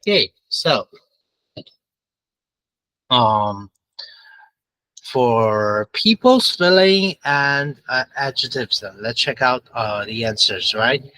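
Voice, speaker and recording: A man's voice: medium pitch, lively intonation, takes it slowly, pauses often, bright, forceful tone, no echo, rough recording. A man teaching a grammar review, repeating points often with frequent "uh" and "right?" checks. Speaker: English teacher.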